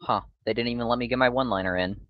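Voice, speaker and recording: A man's voice: mid-range voice, racing, no echo, lo-fi sound. A man playing a tabletop game, chatty and joking with the table. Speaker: player. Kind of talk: casual tabletop play.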